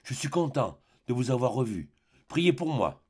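A male reader voices a dying young man in a storybook. His words come quietly and faintly, close to the reader's own voice. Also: mid-range voice, sing-song, normal speed, breathy edge.

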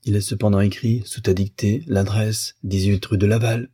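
A man voicing a wounded, bitter bourgeois wife who speaks in a sharp, accusing way. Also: fairly low pitch, flat delivery, normal speed, husky, dry recording, clean studio sound.

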